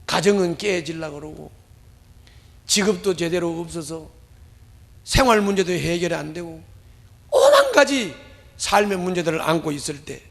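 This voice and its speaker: High, gravelly pastor preaching passionately. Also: male voice, sing-song, moderate pace, long pauses. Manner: emotional, swings between loud outbursts and hushed lines. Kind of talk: impassioned sermon. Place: church sanctuary. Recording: long hall reverb.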